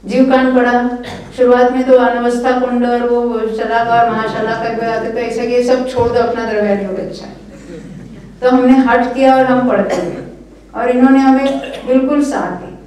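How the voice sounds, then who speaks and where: A woman's voice: fairly high pitch, steady tone, normal speed, darkish tone. An older woman giving an earnest, encouraging lecture at a religious study camp, often checking in with her listeners. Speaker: scripture teacher. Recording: echoey hall, voice from far off the mic.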